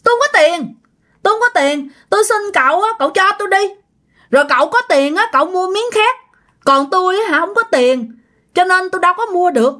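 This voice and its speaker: A woman's voice: extremely high pitch, expressive, brisk, fairly bright tone, voice pushed up. A woman voicing a strange middle-aged spirit woman with a girlish voice, begging insistently. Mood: pleading.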